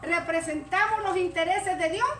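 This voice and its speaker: High-voiced woman preaching in echoey church. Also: moderate pace. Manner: animated, acts out stammering and scenes. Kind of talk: sermon. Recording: echoey church room, mic far off, faint noise.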